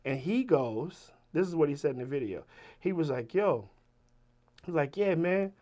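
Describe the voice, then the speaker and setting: A man in his forties telling a story as an interview guest, profane and swinging from loud bursts to low mutters. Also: animated, normal speed. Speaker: rapper guest. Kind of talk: animated storytelling.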